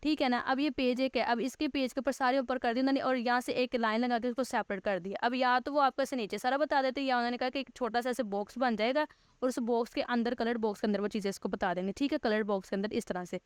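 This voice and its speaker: A woman teacher, giving a recorded grammar lesson. She reads English text slowly, then patiently explains it step by step, rephrasing points. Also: fairly high pitch, steady tone, clean tone, no echo, studio quality.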